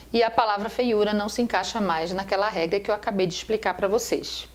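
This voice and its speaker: In a recorded lesson over slides, a female Portuguese teacher explains grammar one step at a time, questioning and then answering herself. She speaks at medium pitch with a slightly mellow quality.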